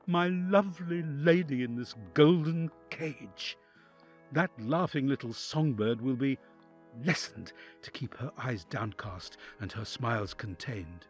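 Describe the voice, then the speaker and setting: Playing the conscience-torn, anguished envoy of a count, a male actor narrates an audio drama expressively and introspectively, in literary style. His voice is medium-pitched with a breathy edge.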